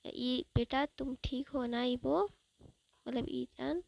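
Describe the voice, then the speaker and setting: A woman's voice: sits high, steady tone, slow pace, creaky, darkish tone, full character voice. A woman voicing an older grandmother who scolds with love and fusses over her grandson. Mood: fond. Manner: fussing, chiding.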